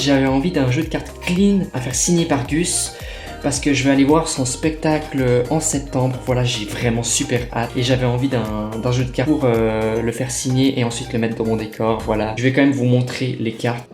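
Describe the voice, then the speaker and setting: A young magic unboxing vlogger chats casually at a table, filmed by a camera on a tripod. He speaks loosely, with lots of fillers, restarts and self-corrections, in a mid-pitched, slightly mellow voice. The room echoes and faint music plays in the background.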